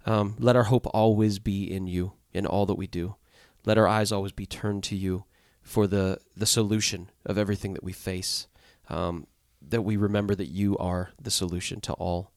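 A man's voice: sits low, fairly even intonation, moderate pace, hardly any pauses, a little mellow, no echo, clean studio sound. A man hosting a podcast, leading an earnest closing prayer and sign-off in a stuffy, nasal voice. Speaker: podcast host.

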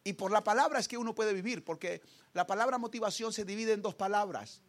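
Passionately preaching a sermon, a man repeats phrases for emphasis and moves from quiet speech to shouting. He has a high voice and a brisk delivery.

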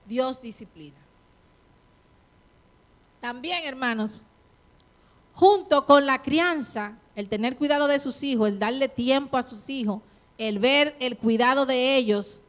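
Unhurried and leaving long pauses, a middle-aged female preacher delivers her sermon in a high voice. She spurs the congregation on with encouragement and direct questions, occasionally performing the words she quotes from others.

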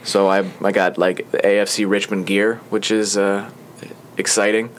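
A young man with a fairly low voice hosts a casual podcast from a small studio, rambling along with plenty of ums and restarts. A faint hiss sits under his voice. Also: little pitch movement, moderate pace. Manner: chatty, rambling with frequent fillers. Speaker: podcast host. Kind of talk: casual chat.

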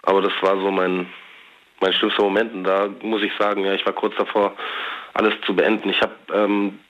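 Young male caller, low voice, heard over a dull phone line, halting delivery. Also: completely flat delivery, fairly bright tone. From Germany. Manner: halting, hesitant speech. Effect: heard over a home phone line. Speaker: radio caller. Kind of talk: phone-in call to a radio show.

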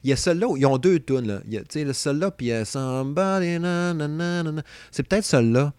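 A man in his thirties with a Québécois French accent, talking loosely and playfully as a podcast co-host. He jokes, hums bits of tunes and keeps an easy middle pitch. The sound is close and dry. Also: fast, smooth, no room sound. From Saguenay, Quebec. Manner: animated, joking, hums song snippets. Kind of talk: casual chat.

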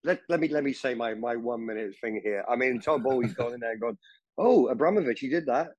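A British man with a medium-pitched voice, recorded dry with no room sound. He banters as a football podcast co-host, teasing and giving blunt, colloquial opinions. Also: quick pace, no room sound.

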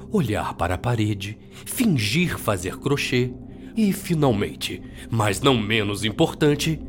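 Slow, playful male storyteller. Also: mid-range voice. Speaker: narrator. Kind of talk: storybook narration.

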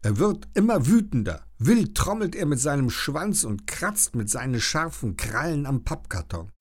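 A man narrating a children's audiobook with an expressive storytelling delivery. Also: a little high, normal speed, breathy edge.

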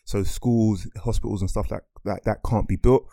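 A man's voice: on the low side, steady tone, moderate pace, creaky, warm tone, dry recording, clean studio sound. A man co-hosting a casual finance podcast, joking around and explaining things in plain terms. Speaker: podcast co-host.

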